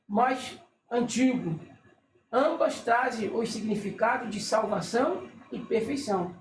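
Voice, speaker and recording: A religious teacher, explaining casually while reading from a list, often checking in with the listener and stopping to correct themself. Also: medium pitch. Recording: echoey room with faint noise.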